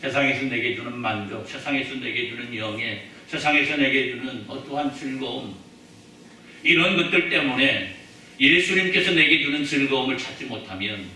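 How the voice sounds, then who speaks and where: A man's voice: medium pitch, normal speed, sharp tone, a little hiss or hum. A male pastor preaching a sermon in a chatty, joking way, often putting questions to the congregation. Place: church sanctuary. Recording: echoey church hall, mic at a distance.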